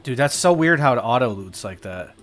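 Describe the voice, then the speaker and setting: A man's voice: mid-range voice, lively intonation, fairly quick, a bit bright, soft background music. A man chatting casually on a livestream while he plays, rambling and hesitant, poking fun at himself. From United States. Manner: rambling, hesitant, self-deprecating. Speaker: streamer.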